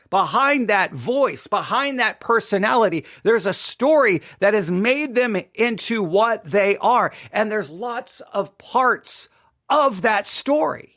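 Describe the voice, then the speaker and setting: Telling a personal story on his podcast, a middle-aged Texan from the United States repeats himself emphatically and keeps checking for agreement with "right?". His voice is high-pitched and fairly bright.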